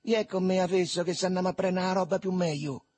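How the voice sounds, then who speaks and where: Man playing a bossy young crook, husky, raised and loud, urging, storybook reading. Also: high voice, steady tone, quick pace, pitched above the performer's own voice. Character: brash young Roman man leading a theft.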